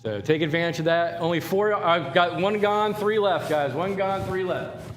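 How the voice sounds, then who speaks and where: A man working as an auctioneer, giving a live sales pitch with urging, repeated calls for bids. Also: normal speed, a little hiss or hum. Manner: urging, repetitive.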